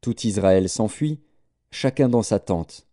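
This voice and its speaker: A man reading scripture aloud in a measured, solemn way. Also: lowish voice, warm tone, no echo, clean studio sound. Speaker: scripture reader.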